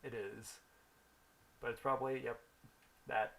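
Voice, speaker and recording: A man's voice: medium pitch, fairly even intonation, a little slow, creaky, a bit bright. Rambling man doing gameplay commentary. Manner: rambling storytelling while thinking aloud about the game. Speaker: gaming video host.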